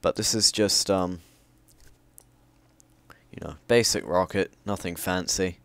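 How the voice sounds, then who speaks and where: A man's voice: low-pitched, steady tone, slow pace, creaky, dry recording. A man giving loose, rambling gameplay commentary, full of fillers and restarts. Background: loud background music.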